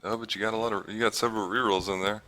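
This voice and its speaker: A man plays in a tabletop game and chats casually at the table. He makes wry, laid-back remarks in a low voice with a bright, forceful edge. Faint music plays behind him. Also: flat delivery, racing. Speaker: player.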